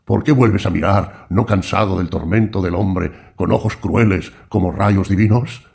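A man's voice: low voice, measured pace, creaky, a little mellow. A man voicing a trembling old man who cries out in anguish to an unknown god. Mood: anguished pleading. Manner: anguished pleading, rising cries.

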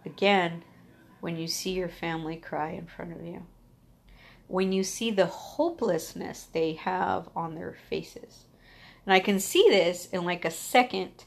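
A young adult woman candidly telling her own story, swearing freely, laughing at it, and acting out quoted lines with big jumps in pitch. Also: a little slow, vocal fry. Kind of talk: personal storytelling monologue.

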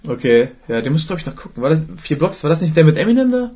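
A man's voice: on the high side, very animated, very fast, a loud crowd. A young man hosting a podcast in casual, slangy chat, laughing often. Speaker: podcast host.

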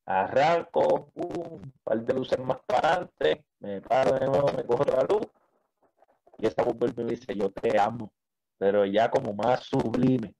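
A man tells his faith testimony in an interview, in a warm, mellow voice of medium pitch. He tells it with animation, acting out the dialogue with pauses and repeated words. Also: gravelly, low-quality recording. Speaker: preacher telling his testimony.

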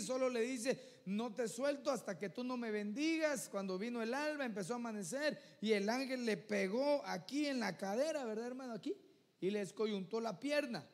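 A preacher with a notably high voice gives an earnest, conversational sermon full of vivid examples, calling listeners "hermano" and repeatedly asking "¿verdad?" The long reverb of a church hall rings around him.

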